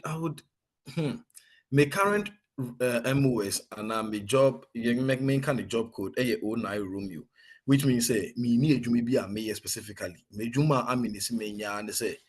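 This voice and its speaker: A young serving soldier from Ghana, with a Ghanaian accent and a noticeably husky voice, gives a conversational interview that mixes Twi and English. He is earnest and animated and often restarts sentences, and his pitch sits in an ordinary male middle range.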